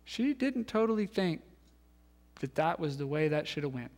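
A man in his thirties, a pastor giving a sermon, telling a story and acting out the voices in it, then dropping to hushed tones. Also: a little high, sing-song, moderate pace. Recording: long hall reverb.

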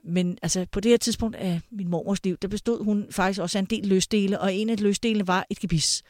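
A woman's voice: medium pitch, fairly even intonation, darkish tone, dry recording, clean studio sound. A woman telling a personal family anecdote in a casual, hesitant way, with fillers between phrases. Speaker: storyteller. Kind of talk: personal anecdote told aloud.

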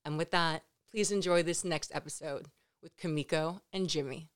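A woman's voice: low-pitched, normal speed. A woman hosting an interview podcast, speaking to listeners and guests in an enthusiastic, effusive way. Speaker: podcast host.

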